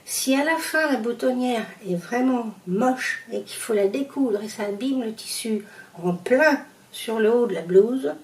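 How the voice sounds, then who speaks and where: A woman's voice: fairly high pitch, darkish tone, roomy sound, recorded from a distance, low-quality recording. A woman with a Parisian accent chatting through her sewing projects, hesitant with lots of fillers. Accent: Parisian French. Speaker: sewing vlogger. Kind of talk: casual show-and-tell vlog.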